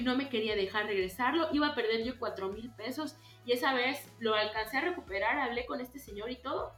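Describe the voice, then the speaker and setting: A young Mexican woman telling a story in a casual chat, animated and rambling, with lots of fillers and laughs. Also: on the high side, reverberant.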